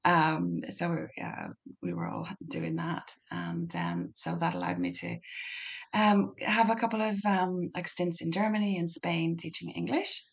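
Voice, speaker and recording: Middle aged irish woman, west of ireland donegal accent, raspy creaky voice, chatting casually, thinks out loud. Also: fairly low pitch, animated, measured pace. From Donegal, northwest Ireland. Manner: hesitant, thinking aloud. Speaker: podcast guest. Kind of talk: casual conversational interview.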